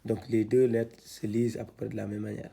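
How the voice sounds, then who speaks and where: A man teaching Quran reading, spelling out syllables one by one, halting and repeating himself with many fillers. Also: fairly low pitch, flat delivery, creaky, mellow, husky. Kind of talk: step-by-step lesson, spelling out syllables.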